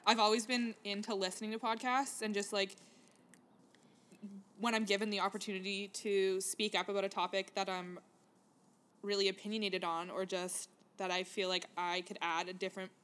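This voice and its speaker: A woman of twenty-one from Manitoba, co-hosting a podcast in casual chat with relaxed, self-deprecating humor. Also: mid-range voice, moderate pace. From Manitoba, Canada. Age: 20s. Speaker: podcast co-host.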